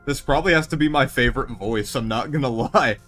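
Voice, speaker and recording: A man's voice: mid-range voice, fast talker, a bit bright, faint music behind. A man hosting a let's-play, reacting in casual gameplay commentary.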